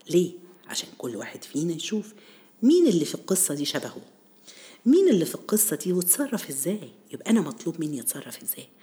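A woman's voice: fairly low pitch, dark tone. A woman with an Egyptian accent telling religious stories conversationally, teaching listeners directly and putting questions to them. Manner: didactic, addresses listeners directly with rhetorical questions. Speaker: storyteller and host of a Ramadan series on Quran stories.

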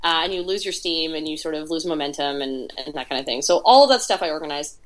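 Chatty low-voiced woman, podcast guest. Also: fast. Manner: chatty storyteller, lots of filler words. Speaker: podcast guest, indie game PR producer. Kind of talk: casual interview talk.

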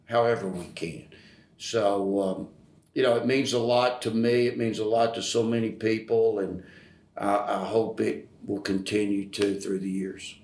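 An older retired man answering podcast interview questions in a halting way, with many fillers and restarts, and growing emotional. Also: fairly low pitch, a little mellow. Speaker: retired college staff guest. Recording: roomy echo.

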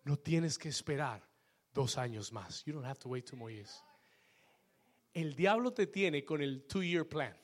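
A male pastor delivering a sermon, switching between Spanish and English phrase by phrase and building to loud exhortations. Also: medium pitch, lively intonation, measured pace. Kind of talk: bilingual sermon.

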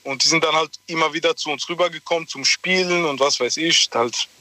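A young caller phones in from his car over the hands-free system, his voice sometimes a little distant from the microphone. He sits a bit high and sounds very bright. He tells his story in a halting, rambling way, from southwest Germany. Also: no echo. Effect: phone call through a car hands-free speaker system, at times distant from the mic. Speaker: radio call-in caller.

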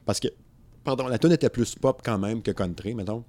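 A man's voice: medium pitch, brisk, a little mellow, no room sound. A man in his thirties with a Quebec French accent, rambling casually about music on a podcast and laughing often. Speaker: podcast co-host.

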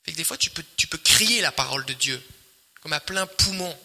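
High, bright-voiced preacher in a hall. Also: male voice, expressive, brisk. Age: adult, married. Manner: emphatic, repetitive preaching with swells and quiet drops. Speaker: pastor. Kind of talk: sermon. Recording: long hall reverb.

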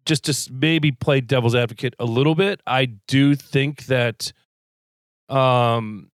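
A man hosting a casual podcast, wry and measured, putting many questions to his guests. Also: mid-range voice, no echo, clean studio sound. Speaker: podcast host.

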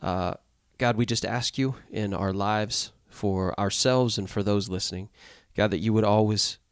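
A man's voice: on the low side, fairly even intonation, measured pace, clean tone, no echo, studio quality. A man hosting a podcast, leading an earnest closing prayer and sign-off in a stuffy, nasal voice. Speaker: podcast host.

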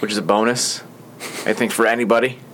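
A man's voice: fairly low pitch, little pitch movement, fast, a bit bright, a little hiss or hum. Chatty man hosting a podcast. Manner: chatty, rambling with frequent fillers. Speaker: podcast host. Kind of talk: casual chat. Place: small podcast studio.

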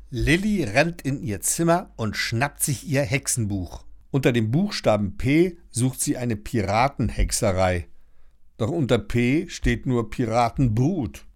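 A man narrating a children's storybook in an animated, expressive way. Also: medium pitch.

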